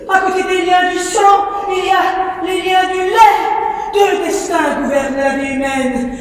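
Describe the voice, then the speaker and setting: An actor playing a devoted, possessive old nurse on a theatre stage, declaiming between hushed words and shouts. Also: female voice, high-pitched. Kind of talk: live theatre performance. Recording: echoey hall from far off, faint noise.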